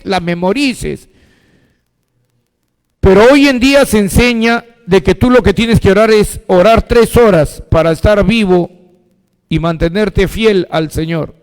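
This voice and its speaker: A long echo follows the words of a pastor from Peru whose smooth, unhurried voice sits high for a man. During his sermon he repeatedly puts questions to the congregation, then supplies the answers himself.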